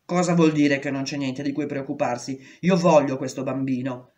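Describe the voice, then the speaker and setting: A woman's voice: very deep voice, fairly even intonation, normal speed, a little mellow. A woman reading aloud, voicing a frightened pregnant young woman in prison who pleads urgently. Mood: pleading. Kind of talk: audiobook reading.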